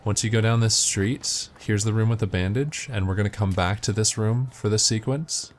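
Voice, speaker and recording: A man with a fairly low voice narrates a video game walkthrough at a moderate pace, offering plain, step-by-step instructions. Slight background noise is audible.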